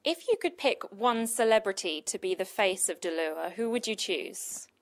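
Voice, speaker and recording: A woman interviewer putting brisk, prepared questions to her guests. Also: medium pitch, lively intonation.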